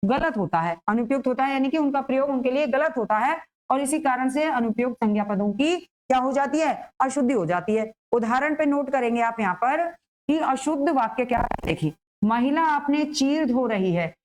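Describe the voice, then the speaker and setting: A woman's voice: high voice, lively intonation, moderate pace, a little mellow, low-quality recording. A woman teacher giving an exam-prep grammar lesson, explaining patiently and asking and answering her own questions.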